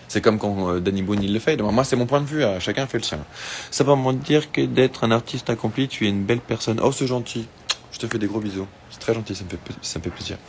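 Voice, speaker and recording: A man's voice: on the low side, slight background noise. A man chatting casually on a phone livestream, answering fan questions with lots of fillers and restarts. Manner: chatty, laid-back, with many fillers and restarts. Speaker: singer doing an Instagram live. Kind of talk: casual live-stream chat reading fan questions. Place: outdoors or open space in Tahiti.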